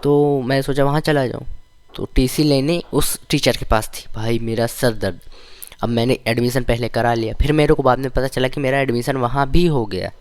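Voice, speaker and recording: A young man tells stories from his school years in a casual, slangy vlog manner. He sounds animated and aggrieved, and he. His mid-pitched voice sits in a dry, close-sounding room. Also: moderate pace, no echo. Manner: animated, slangy, complaining storytelling. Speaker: vlogger. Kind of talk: casual storytelling about school days.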